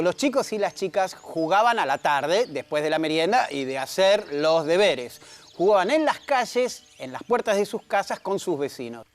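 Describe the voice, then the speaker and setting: A man with an Argentine Spanish accent narrating a scripted educational program in a lively, conversational way. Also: sits high.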